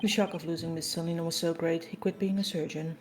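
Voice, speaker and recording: A woman's voice: low voice, steady tone, fast talker, close to an everyday voice. A woman voicing a reserved, formal attendant in a video game, reading scripted lines evasively with music behind. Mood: grave, formal. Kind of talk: game script read aloud.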